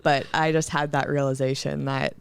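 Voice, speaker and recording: A young woman chats casually as a podcast co-host, talking quietly with little projection. Her voice is smooth and clear, recorded close and dry. She keeps an easy, conversational tone. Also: level tone, moderate pace, no echo. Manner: soft-spoken, low projection. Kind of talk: casual chat.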